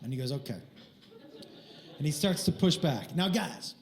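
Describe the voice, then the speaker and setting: Animated high-voiced comedian telling a story. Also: male voice, normal speed, reverberant. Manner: animated, acts out voices and crude jokes. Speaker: stand-up comedian. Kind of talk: stand-up storytelling.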